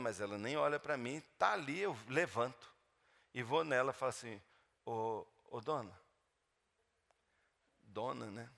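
A middle-aged man preaching, telling a personal story with fervor, swinging between loud emphatic preaching and hushed storytelling. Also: medium pitch, vocal fry, a little hiss or hum. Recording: long hall reverb.

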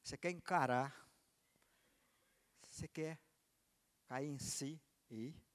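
A man's voice: fairly high pitch, slow, big-room sound. A man preaching a sermon, telling a personal story and acting out its dialogue with big swings in voice and volume. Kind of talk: sermon with acted testimony.

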